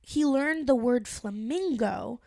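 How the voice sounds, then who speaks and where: A woman's voice: on the high side, takes it slowly, creaky, warm tone, no echo, studio quality. A young American woman chatting casually as a podcast co-host, playful and swearing freely. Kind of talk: casual chat.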